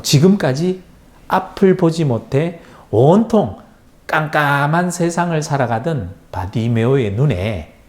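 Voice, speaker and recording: Lively storytelling man, children's sermon. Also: medium pitch. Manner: animated storybook telling with sound words. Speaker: pastor.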